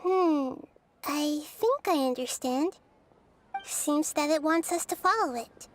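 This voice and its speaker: A woman voicing a gentle, wise, young-looking girl goddess in a video game, speaking softly and thoughtfully. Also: sits high, slow pace, faint music behind. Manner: soft, thoughtful and reassuring.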